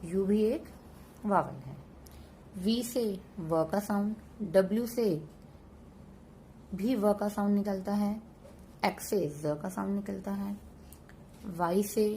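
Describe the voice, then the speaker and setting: A woman's voice: lowish voice, warm tone, a little hiss or hum, poor audio. A woman hosting a home-teaching tutorial, patiently going through letter sounds one at a time. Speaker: teacher and channel host.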